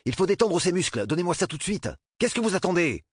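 A man doing a shrill, alarmed nurse. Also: big pitch swings, quick pace, breathy edge, no room sound, clean studio sound, full character voice. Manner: urgent, shrill. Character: urgent female nurse, anxious and sharp.

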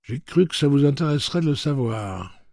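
A man's voice: mid-range voice, expressive, unhurried, creaky, breathy edge, no echo, studio quality, pitched above the performer's own voice, heavily acted. A man voicing a prissy, condescending male robot with a suave, slightly effeminate manner, read as an audiobook character voice. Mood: smug.

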